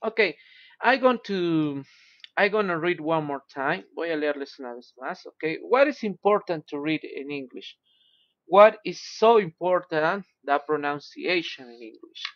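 A man teaching an English class online, speaking slowly, mixing Spanish and English, and often saying "ok". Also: on the high side, lively intonation, no echo. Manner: switches between Spanish and English, slow and careful, repeats "ok". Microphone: video call. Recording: dull lo-fi video call audio.

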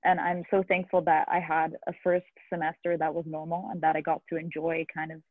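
Young student from Italy, opinionated, lower pitch, phone-thin call audio. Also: female voice, little pitch movement, no echo. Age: young adult. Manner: opinionated, quick and outspoken. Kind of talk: casual video call chat. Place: living room with a sofa. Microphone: earbuds on a video call. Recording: dry, tinny video call audio.

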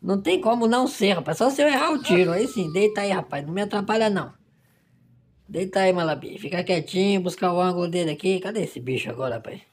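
A man's voice: high voice, lively intonation, quick pace, a little hiss or hum. A man, hosting a gaming channel and giving overexcited, exclamatory commentary on a hunting game. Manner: exclamatory, emotional, fills lines with "rapaz".

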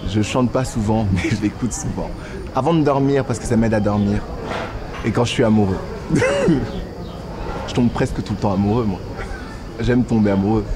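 A man's voice: lowish voice, fairly even intonation, fairly quick, crowd noise. A young man, an actor speaking casually and reflectively in an interview outdoors, searching a little for his words. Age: young adult. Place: outdoors in a garden.

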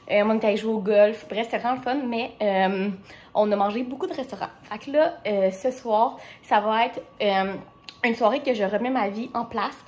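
A young vlogger with a Quebec French accent chats easily and directly to her viewers, vlogging her day and walking through a simple recipe. Her voice is mid-range with a darkish tone, captured by a tripod-mounted camera in an echoey room.

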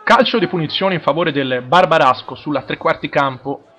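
A man with an Italian accent giving live football play-by-play, measured and halting, in short phrases. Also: a little high, sharp tone. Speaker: football match commentator. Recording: crowd noise behind the voice. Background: crowd at a football ground.

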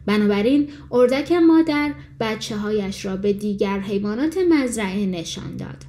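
A woman reading a fairy tale as an audiobook narrator, in calm, measured storytelling. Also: mid-range voice, slight background noise.

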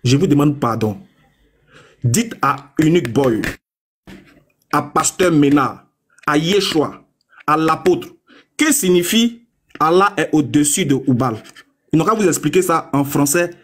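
A young man argues in a combative live-stream debate, jeering at his rivals. His voice sits fairly high and has a slightly husky grain. When he quotes his source, he reads each phrase slowly and deliberately. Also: lively intonation. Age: young adult. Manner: taunting, mocking opponents.

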